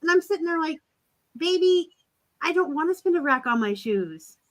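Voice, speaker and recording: Co-hosting a relaxed reseller live chat, a woman in her 40s tells a story in a blunt, joking manner. She speaks at normal speed in a very high voice with lively intonation.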